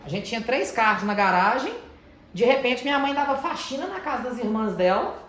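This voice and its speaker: 30s mineiro guy giving a calm slow pep talk to teens, super echoey hall, a bit of noise behind. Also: extremely high pitch. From Brazil, Minas Gerais. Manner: deliberately calm, slowed and softened delivery. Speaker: motivational speaker to teenagers. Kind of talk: motivational talk. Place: large echoey house of prayer.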